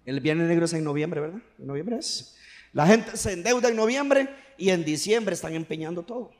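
A man preaches in church with a fervent, rising-and-falling delivery and calls on the congregation to answer him aloud. His voice sits a little high for a man. Faint music plays under the live church sound. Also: lively intonation, normal speed. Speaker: pastor. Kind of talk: sermon.

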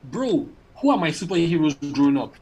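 A man's voice: fairly high pitch, very animated, a little fast, a little mellow. A young man from Nigeria, talking emphatically in a casual podcast conversation and often checking that he is understood. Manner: emphatic, rhetorical, keeps checking in.

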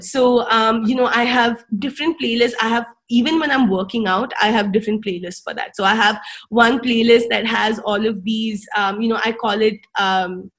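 A young woman, a singer whose first language is Tamil, shares wellbeing advice in a casual, chatty way, packed with fillers and tag questions. Her voice is a little high and fairly bright.

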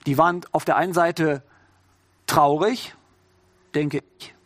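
A middle-aged man delivering a sermon in a loose, conversational way, as if chatting with his congregation. His voice sits fairly high and he keeps checking in with them through little rhetorical questions. The sound is dry and close, with no room echo. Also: fairly even intonation, slow pace. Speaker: preacher.

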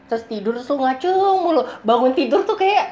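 A woman's voice: high voice, animated, fairly quick, a little mellow, dull audio. A woman with a Jakarta accent hosting a casual chat, asking questions in informal slang and swearing freely. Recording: echoey room.

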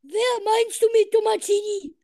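A woman playing a very high, squeaky silly genie. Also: flat delivery, a little slow, dark tone. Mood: indignant. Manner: teasing, calls others names. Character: silly bickering genie, easily confused. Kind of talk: improvised playful role-play.

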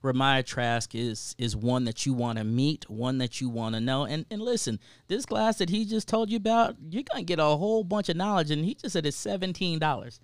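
A man's voice: fairly high pitch, brisk, few pauses, clear, resonant tone, no room sound. A man co-hosting a podcast in casual, enthusiastic chat, emphatic and repetitive, often checking in with "right?".

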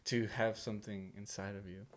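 A man's voice: fairly low pitch, normal speed. Chatty man telling family stories. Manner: laughing, animated storytelling with acted-out voices. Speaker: podcast co-host, father. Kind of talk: casual chat.

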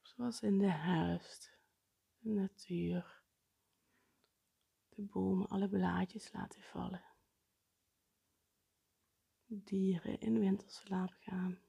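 A woman guiding a breathing meditation in a soft, partly whispered, unhurried way. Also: mid-range voice, steady tone, vocal fry, breathy edge. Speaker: meditation guide.

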